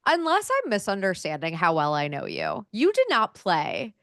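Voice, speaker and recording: Over slight background noise, a podcast co-host in her thirties speaks at normal speed in a lowish, gravelly, somewhat bright voice whose pitch swoops wildly. She's chatty as she goes through research notes, constantly dropping "um" and "like."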